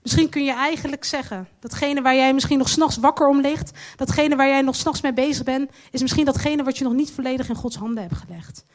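High-voiced woman preaching a sermon. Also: steady tone. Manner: earnest, slows down to stress key lines.

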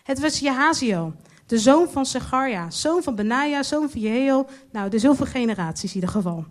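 A woman preaching a sermon, earnest and slowing down to stress her key lines. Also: sits high, lively intonation.

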